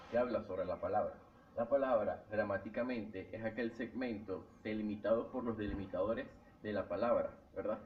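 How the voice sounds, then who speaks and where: Young man presenting in class, tinny sound. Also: mid-range voice. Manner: explains step by step, repeats "cuando hablamos de". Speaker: student presenter.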